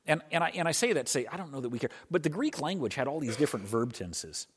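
A man's voice: medium pitch, sing-song, fast talker, husky. A man preaching a conversational sermon as pastor, explaining things patiently and often restarting his phrases. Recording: reverberant hall sound.

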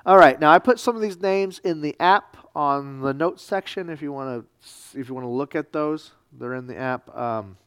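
A man, a pastor teaching a church history class, lecturing casually with halting ums and wry, sarcastic asides. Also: a little high, fairly bright tone, clean tone, no echo, studio quality.

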